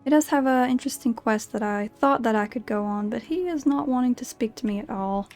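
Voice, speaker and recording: A woman's voice: fairly high pitch, fairly quick, darkish tone, faint music behind. A woman giving casual gameplay commentary as she role-plays through a video game. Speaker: gamer narrating a role-play playthrough.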